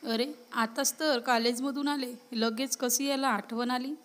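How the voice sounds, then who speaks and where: Woman voicing a lively lovestruck college girl. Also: high voice, unhurried. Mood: indignant. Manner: indignant, playful back-talk. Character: lively young woman college student in love.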